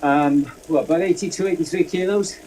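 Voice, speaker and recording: A man's voice: a little high, a little fast, mellow, poor audio. A man, telling rambling, self-deprecating stories in a casual chat. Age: 60s. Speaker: guest. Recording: faint background noise.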